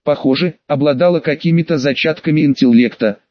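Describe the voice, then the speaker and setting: A man giving a measured, dramatic reading as an audiobook narrator. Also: a little high, no room sound, muffled recording.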